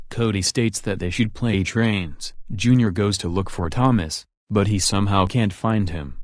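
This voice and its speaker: A man in his dry, low ranting voice. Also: darkish tone, no echo, natural voice. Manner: puts on a character voice he calls his rant voice. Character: ranting young male character voice. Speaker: video reviewer. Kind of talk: recapping and ranting about a fan video.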